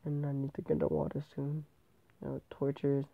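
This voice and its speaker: Here a gameplay host speaks in a gravelly, slightly high monotone at a moderate pace. Congested from a cold, he rambles and keeps correcting himself in casual commentary, captured thinly on a tablet microphone.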